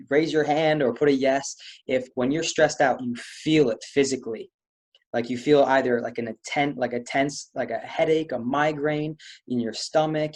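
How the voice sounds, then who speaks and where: Guiding an online stress-relief webinar, a man gives step-by-step physical instructions on posture and breathing. His voice is medium-pitched and a little mellow.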